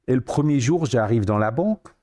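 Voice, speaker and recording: A man in his sixties with a Swiss French accent, a podcast guest telling lively anecdotes and acting out the dialogue he quotes. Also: mid-range voice, a little fast. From Switzerland. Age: 60s. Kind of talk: storytelling interview.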